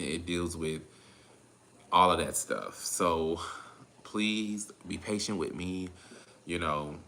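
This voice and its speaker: A man's voice: low-pitched, pushed and bright, a little hiss or hum. A man with a Southern US accent giving a casual tarot reading, laid-back and a little tired, often repeating his phrases. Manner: laid-back, drawn-out, repeats phrases while calling on spirit. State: tired, drained. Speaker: tarot reader.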